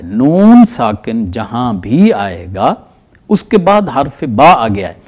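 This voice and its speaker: Man, tajweed teacher, patient explanations, slow stressed recitation, animated pitch. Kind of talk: tajweed lesson.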